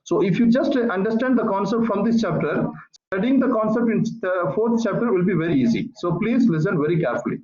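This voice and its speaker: High-voiced man teaching physics online. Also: expressive, a little fast, hardly any pauses, a little mellow. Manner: repetitive, patient explaining. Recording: echoey, muffled online call audio.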